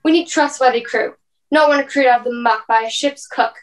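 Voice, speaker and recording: A woman's voice: high-pitched, a little fast, natural voice. A woman playing a blunt, dutiful sea captain, speaking firmly and formally in a radio play. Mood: stern. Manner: plain-spoken, firm, formal.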